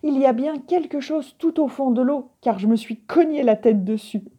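A woman reading aloud voices a pair of small, helpful red-headed ducks in a lighter, higher storytelling voice. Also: very animated, a little slow, dark tone, slightly rough, muffled recording, full character voice.

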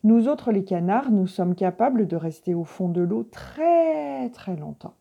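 Two little helpful ducks, a woman voicing them, a bit higher, husky. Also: lively intonation, measured pace, muffled recording.

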